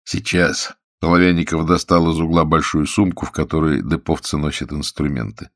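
A man with a very deep voice reads an audiobook in steady, measured narration. The sound is dry and close, with no room echo. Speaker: audiobook reader. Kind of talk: scripted narration.

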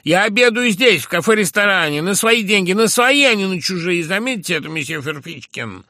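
A man voicing a proud, resentful young clerk who bursts out loudly in irritation. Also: high voice, expressive, brisk, dry recording, studio quality, pitched above the performer's own voice, exaggerated voice. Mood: furious. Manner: loud, irritated outbursts.

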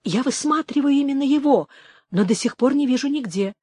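A woman doing a brisk, eager male priest. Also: high voice, lively intonation, warm tone, no echo, pitched above the performer's own voice. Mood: reassuring. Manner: brisk, raised and reassuring.

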